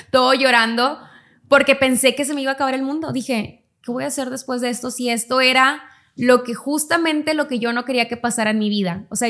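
A young woman, chatting casually on a podcast and acting out quoted dialogue as she tells a personal story. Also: a bit bright. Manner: storytelling, acts out quoted dialogue in quick higher tones. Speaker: podcast co-host. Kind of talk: casual chat.

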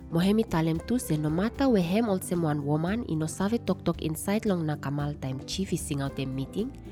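A woman's voice: lowish voice, mellow. A woman with a ni-Vanuatu accent reading scripted narration in Melanesian pidgin. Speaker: podcast narrator. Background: music.

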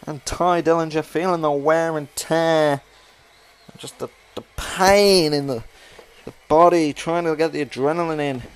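Wrestling commentator, male, high register, unhurried delivery, dramatic exclamatory play-by-play with repeated phrases. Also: smooth.

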